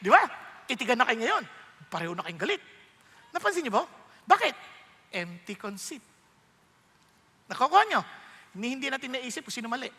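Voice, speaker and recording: A pastor with a Filipino accent delivers a conversational sermon in a bright, sharp, husky voice that climbs high and jumps around in pitch. He's animated and full of jokes, dropping English lines into his preaching, while the long reverb of a church hall rings around him.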